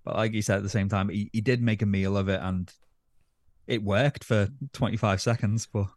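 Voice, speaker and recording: A man's voice: lowish voice, fairly even intonation, moderate pace, no room sound, clean studio sound. A man co-hosting a casual football podcast, easygoing and hedging his opinions. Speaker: podcast co-host.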